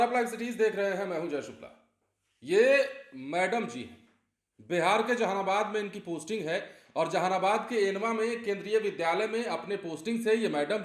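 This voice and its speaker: A man presenting a news report with commentary, emphatic and repeating phrases for effect. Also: sits high. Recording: roomy echo.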